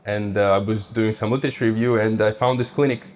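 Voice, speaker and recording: Halting man, low voice. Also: steady tone, darkish tone. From Russia. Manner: halting, searches for words, frequent restarts. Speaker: patient interviewee. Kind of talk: casual interview answers.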